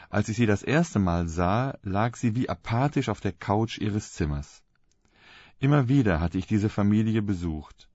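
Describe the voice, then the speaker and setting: A man giving a scripted spoken reflection, telling a story calmly and earnestly. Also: no room sound, dull audio. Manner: calm, earnest storytelling with animated pitch.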